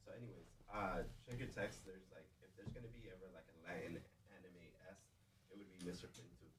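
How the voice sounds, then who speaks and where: Low-voiced guy off-mic, far away, roomy, loud noise behind him. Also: fairly even intonation, brisk. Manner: offhand, speaking away from the mic. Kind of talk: casual chat.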